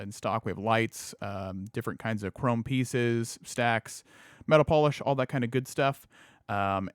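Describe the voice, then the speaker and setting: Young male host, casual live chat, upbeat, halting with fillers, dry close sound. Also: mid-range voice, no echo. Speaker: radio show host. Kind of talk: casual live-stream chat with sponsor plug. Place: at a chrome parts shop.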